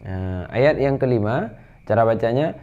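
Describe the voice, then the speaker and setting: A man teaching tajwid, explaining rules briskly and then reciting verses slowly in a higher chant. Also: lively intonation, narrow, tinny audio.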